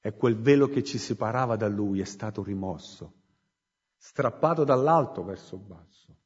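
A man preaching a sermon in a church hall, slow and emphatic, swinging between loud and hushed phrases. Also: fairly low pitch, animated, breathy edge. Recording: muffled recording with long hall reverb.

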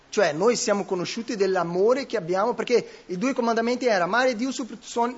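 Male preacher, high husky voice, emphatic and questioning, lo-fi sound. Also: a bit bright. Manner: emphatic, with frequent self-corrections and rhetorical questions. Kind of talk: sermon.

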